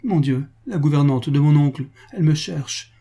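A man reading the part of an anxious young woman in love, speaking in a hurried, tearful way. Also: fairly high pitch, dark tone, voice pushed up. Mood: frantic.

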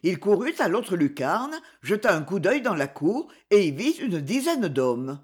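A narrator reading a swashbuckling adventure novel aloud in a dramatic, expressive storytelling manner. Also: medium pitch, measured pace, breathy edge.

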